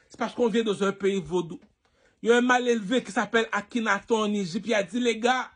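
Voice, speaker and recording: Man from Haiti, high-pitched, rambling preachy monologue, keeps asking the listener questions. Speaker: online personality.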